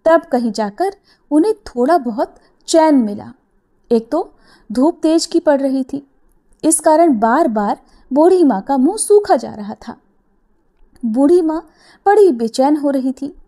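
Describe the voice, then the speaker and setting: A woman with a high, light voice narrates a devotional story. Her telling is gentle and expressive, and she gives voice to the characters' quoted words. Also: measured pace, long pauses.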